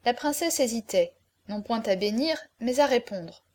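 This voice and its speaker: A woman narrating a classic novel, dropping her voice quietly on the speech tags. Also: a little high, expressive, moderate pace. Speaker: audiobook narrator.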